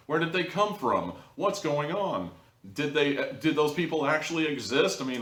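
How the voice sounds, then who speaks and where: Heard through a distant mic with roomy echo, a man with a mid-range, slightly bright voice hosts a show reviewing audio dramas. His casual, humorous take rambles along, peppered with wry asides and mock-dramatic emphasis.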